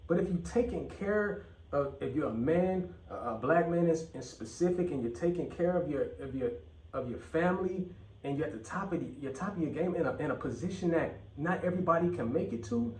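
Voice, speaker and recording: A man with a slightly high, somewhat mellow voice hosts his own vlog in a casual rant. He is blunt and profane, repeating phrases to drive points home, recorded with a distant mic in an echoey room.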